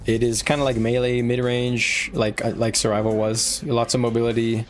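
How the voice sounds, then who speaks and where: A game streamer with a mid-range voice speaks flatly at a moderate pace, thinking aloud as he gives viewers gameplay advice in casual live-stream chat. Music plays in the background, with slight background noise.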